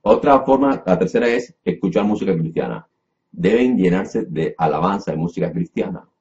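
With a deep, darkish, animated voice at normal speed, a preacher leads a Bible lesson for a class in sermon fashion. He keeps calling people "brother," repeats phrases, and often restarts, all captured on a dull, lo-fi recording.

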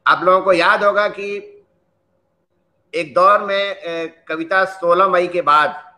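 A male host speaks with slow deliberation, pausing often as he introduces his guest. His voice sits a little high and sounds bright and forward. The delivery is formal and measured. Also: steady tone, rough recording. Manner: slow, measured, with frequent hesitations. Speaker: interviewer and host. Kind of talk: formal Hindi interview introduction.

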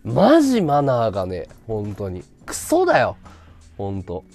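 A man live-streaming a casual chat, blunt and ranting, swinging from loud outbursts to low mutters. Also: huge pitch swings, unhurried, gravelly, faint music behind.

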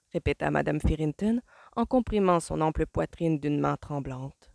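A woman reading a novel aloud as an audiobook, with measured storytelling. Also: low-pitched, darkish tone, no echo, studio quality. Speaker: audiobook reader. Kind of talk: novel narration.

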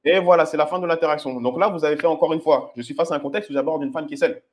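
A man's voice: on the high side, racing, faint music behind. A man comments on footage of his own approaches and explains his dating advice to viewers in a direct, instructive way, often checking in with "ok?". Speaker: dating coach.

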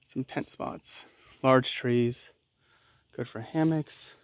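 A man's voice: medium pitch, slow pace, dry recording. Easygoing man narrating from a canoe. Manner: relaxed, describing campsites as he paddles. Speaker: vlogger on a canoe trip. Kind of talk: casual outdoor narration. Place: on a river in a canoe, outdoors.

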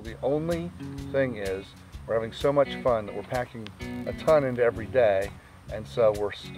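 A man, a birdwatching journalist, giving chatty, upbeat interview answers outdoors on a lakeside lawn. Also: lowish voice.

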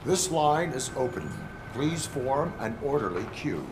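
An actor playing a stoic, dutiful cyborg police officer in a video game, speaking in a formal deadpan. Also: male voice, mid-range voice, measured pace, background noise.

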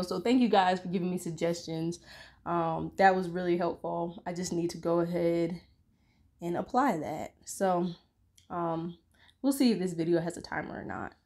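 Young woman vlogging at her living room table, kinda low voice, rambles and thinks out loud to viewers. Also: fairly even intonation, normal speed. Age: young adult. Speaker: mukbang vlogger. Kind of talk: casual chat to viewers.

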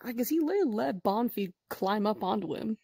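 High husky giggly woman, dry. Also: lively intonation, normal speed, dark tone, dry recording. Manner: giggly, swears freely. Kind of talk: casual reaction chat.

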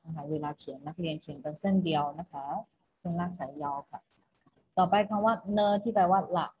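Patient woman teacher, low voice. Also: a little fast, a little mellow, slightly rough. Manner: patient, repeats herself with a polite particle at each phrase end. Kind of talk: online class instruction. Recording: muffled recording with faint noise.

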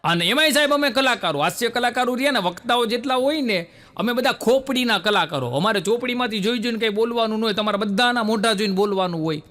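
A man's voice: high voice, fast, sharp tone. A man telling stand-up jokes on stage, acting out the people in his stories. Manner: storytelling with many quoted voices, punchlines met by laughter. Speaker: stand-up comedian. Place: stage show with a laughing audience.

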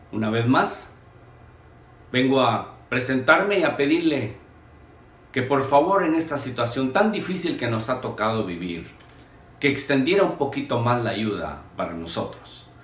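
A man's voice: mid-range voice, a bit bright. A Guatemalan man in his forties making an earnest, pleading appeal straight to camera from a small room at home. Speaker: video appeal maker. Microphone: camera in front, medium shot. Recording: echoey room.

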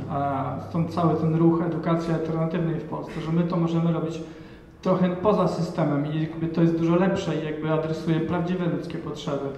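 A man's voice: fairly high pitch, mellow, a little hiss or hum. A man in his thirties from Poland, speaking hesitantly at an event into a handheld mic, with many fillers and restarts. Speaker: panel speaker. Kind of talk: reflective talk at an event. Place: large hall with audience. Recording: echoey hall, distant and dull.

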